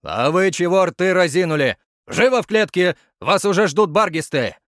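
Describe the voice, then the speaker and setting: A man's voice: medium pitch, very animated, normal speed, a little mellow, dry recording, studio quality. A man voicing a theatrical, commanding curator with a steely tone. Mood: exclaiming.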